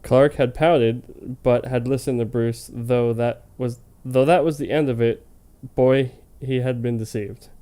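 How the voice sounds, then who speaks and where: His mid-range voice is dark, fairly even in intonation and measured in pace. He reads fan fiction aloud for a comedy web series in a loose, comedic style, sometimes fumbling words, adding joking asides and breaking into laughter easily.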